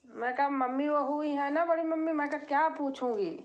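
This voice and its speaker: A woman's voice: sits high, moderate pace, dull audio. An older woman chatting casually with viewers on her live stream at home, breaking now and then into folk song. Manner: chatty, warm-hearted, breaks into folk singing.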